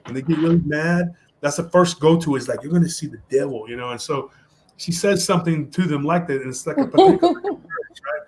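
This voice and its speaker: A man telling a story on a podcast in a casual, animated way, mixing Spanish slang into his talk. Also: a little high, fairly quick. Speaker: podcast guest.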